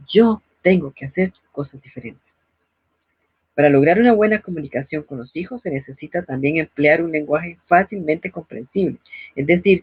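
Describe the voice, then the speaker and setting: Her deep, husky voice comes through a dull, dry lo-fi recording without echo. As host of a parenting advice talk, this middle-aged woman lectures didactically, now and then imitating parents scolding their kids.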